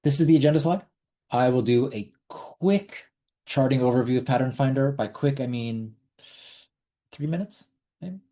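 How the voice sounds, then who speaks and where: A man's voice: medium pitch, moderate pace, pauses often, dark tone. A middle-aged man hosting a casual online trading webinar, talking bluntly with repeats and the odd swear word. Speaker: webinar host.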